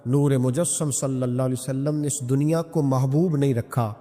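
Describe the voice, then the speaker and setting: A man's voice: mid-range voice, steady tone, mellow. A male Islamic preacher, delivering an emotional sermon full of rhetorical questions. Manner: impassioned, rhetorical questions, rising and falling delivery. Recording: reverberant hall with faint music.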